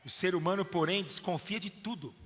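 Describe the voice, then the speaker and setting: A man's voice: high-pitched, a little fast, a bit bright, in a large hall. A Brazilian man preaching a sermon with an emphatic, fervent manner, often calling listeners son or dear. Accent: Brazilian Portuguese. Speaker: pastor.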